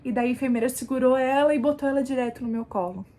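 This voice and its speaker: A young woman with a high voice tells a personal story to her camera. She talks casually and animatedly, turning to her viewers often as she shows what happened. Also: fast talker. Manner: animated, addresses viewers as "gente", demonstrates positions. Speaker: vlogger, new mother.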